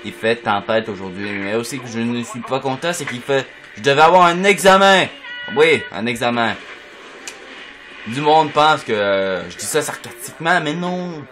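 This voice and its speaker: A man with a Quebec French accent, chatting at home through casual gameplay commentary in an excitable, joking way. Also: mid-range voice, normal speed. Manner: excitable, chatty, makes silly sound effects. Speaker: gamer. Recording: faint music behind.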